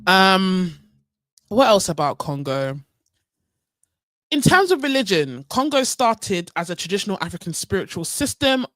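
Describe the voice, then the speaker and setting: A woman's voice: medium pitch, sing-song, a little slow, fairly bright tone, dry recording. A young woman from North London with a London accent, hosting a casual live history talk, chatty and full of ums and asides to her viewers. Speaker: livestream host.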